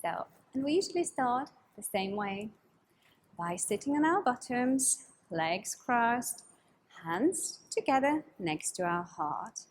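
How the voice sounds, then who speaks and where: A woman teaching a children's yoga story class in an animated, coaxing, sing-song, overbright party-host manner, with a breathy voice. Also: on the high side, slow pace, a little hiss or hum. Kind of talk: kids' yoga lesson with storytelling.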